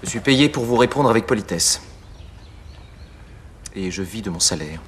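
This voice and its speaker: A man's voice: lowish voice, expressive, moderate pace, a little hiss or hum, natural voice. A man acting an ambitious young male secretary in a period film drama, earnest and heated when he argues. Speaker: young secretary Julien Sorel.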